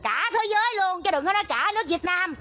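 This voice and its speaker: A woman's voice: extremely high pitch, lively intonation, fast talker, pushed and bright. A middle-aged woman with a Southern Vietnamese accent from the Mekong Delta, pleading agitatedly in a livestream from a roadside near a school. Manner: agitated, pleading, repeats "there" to point things out. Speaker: protester livestreaming a land dispute. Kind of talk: impassioned livestream appeal. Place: outdoors by a road near a school.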